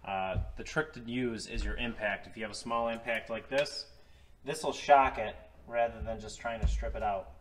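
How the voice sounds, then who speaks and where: Slight background noise surrounds a DIY repair vlogger as he gives casual, step-by-step how-to narration in an indoor garage workshop, leaning on many fillers. Picked up by the camera mic, his lowish voice moves at a moderate pace with fairly even intonation.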